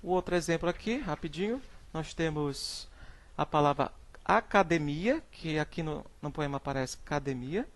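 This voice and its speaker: A young adult male teacher with a Brazilian Portuguese accent presents a lesson from slides, saying each example word slowly and often checking in with "né?" and "certo?". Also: on the high side, animated. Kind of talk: classroom slide presentation on phonetics.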